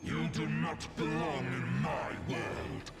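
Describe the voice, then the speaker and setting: Echoing, gravelly undead tyrant knight-king. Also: fairly high pitch, expressive, slow pace, full character voice. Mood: scornful taunting. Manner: grandiose, archaic, theatrical menace. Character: undead tyrant knight-king, haughty and wrathful, game boss. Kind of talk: video game villain acting. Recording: echoing game audio under music.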